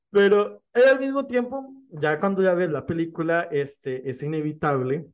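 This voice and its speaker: Guy talking movies casually, fairly high voice, lots of "este" and laughing. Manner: chatty, laughs often, many fillers like "este". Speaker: film podcast co-host. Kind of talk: casual film discussion.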